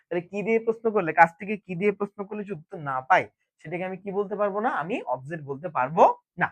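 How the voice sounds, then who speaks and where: A man's voice: high-pitched, racing, fairly bright tone, dry recording. A man teaching a grammar lesson, often putting a question to the viewers and answering it himself. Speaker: English teacher. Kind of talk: classroom-style grammar lesson.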